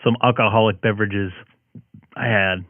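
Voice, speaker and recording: A man's voice: fairly low pitch, steady tone, normal speed, no echo, phone-quality sound. Tired, hungover man rambling on ham radio. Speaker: live-streaming ham radio operator. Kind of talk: casual radio chat on a live stream.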